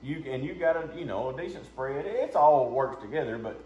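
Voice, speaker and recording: A man's voice: mid-range voice, lively intonation, a little fast, a little mellow. A man giving a casual, hands-on lesson as a duck calling instructor, talking in a folksy, plain-spoken way. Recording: muffled, roomy, with background noise.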